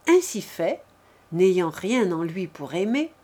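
Slow, measured woman audiobook narrator. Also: lowish voice, sing-song, a little mellow. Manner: measured, deliberate reading. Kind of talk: scripted literary narration.

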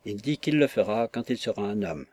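A tender young girl begging her father softly, read by a male narrator. Her lines come as a gentle plea in an audiobook, lifted slightly above the reader's usual voice. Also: on the low side, expressive, fairly quick, breathy edge. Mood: pleading. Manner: pleading. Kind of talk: audiobook reading.

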